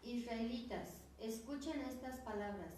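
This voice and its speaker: A Mexican woman in a Bible class reads scripture aloud at a slow, careful pace. Her voice is mellow and a little high. It is picked up from a distance in a very echoey room with faint noise. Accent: Mexican Spanish. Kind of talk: reading a Bible passage aloud. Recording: roomy echo, distant mic, faint noise.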